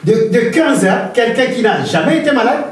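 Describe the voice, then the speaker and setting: With a very high, sing-song voice at a moderate pace, a man preaches as pastor to his congregation. His sermon is impassioned, repetitive and full of stories, heard through a distant mic in a church hall that echoes strongly.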